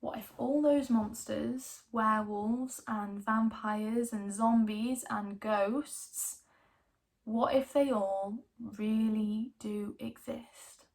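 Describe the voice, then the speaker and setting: A woman playing a wry, defiant young woman obsessed with ghost stories in a theatrical dramatic monologue, emphatic and full of lingering pauses. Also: a little high, steady tone, creaky. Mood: hushed awe.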